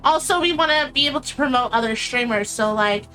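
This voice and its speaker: A woman's voice: fairly high pitch, fairly quick, bright, forceful tone, soft background music. A woman co-hosting a casual live stream, rambling and giggly, often trailing off mid-sentence. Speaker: stream co-host.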